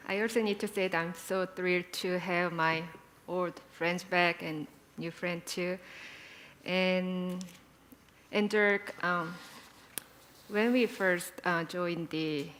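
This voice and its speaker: Woman at a panel, talks slow, lots of ums and little side comments. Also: on the low side, fairly bright tone, slight background noise. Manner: hesitant, many fillers, chatty asides. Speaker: panel moderator and speaker. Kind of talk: conference panel talk. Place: conference hall.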